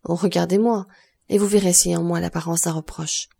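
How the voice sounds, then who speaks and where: Voicing a guilt-stricken woman of thirty-nine in mourning, this reader delivers sorrowful, pleading lines full of self-accusation. Her lowish voice is steady, brisk, creaky and mellow, with a slightly rough edge.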